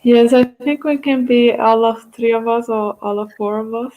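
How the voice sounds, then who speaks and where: A woman's voice: fairly high pitch, fairly even intonation, moderate pace, phone-quality sound. A woman from Brazil co-hosting an online meetup, chatty and laughing easily. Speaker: event co-host.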